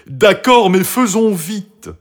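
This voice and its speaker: Excitable guard dog, voiced by a man: high, loud, grumbly. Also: slow pace. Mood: eager. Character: fierce male guard dog, greedy and excitable.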